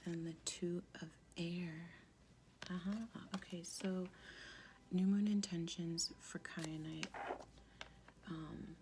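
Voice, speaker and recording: A woman with a deep, sultry, husky smoker's voice gives a soft-spoken, casual tarot reading in a halting, informal way. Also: little pitch movement, slight background noise. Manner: halting, informal, with pauses and frequent "like". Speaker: tarot card reader.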